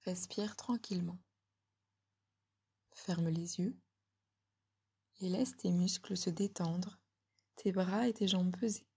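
A woman giving a slow, soothing guided relaxation in a breathy ASMR whisper, very close, as if right in the listener's ear. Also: fairly low pitch. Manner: slow, soothing, gently instructing.

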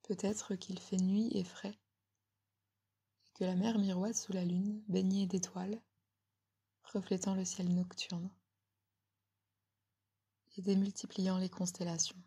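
Female, breathy close-up whisper right in the ear, ASMR guided meditation, slow and soothing, slightly crackly. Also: mid-range voice, level tone. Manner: slow, soothing, gently instructing.

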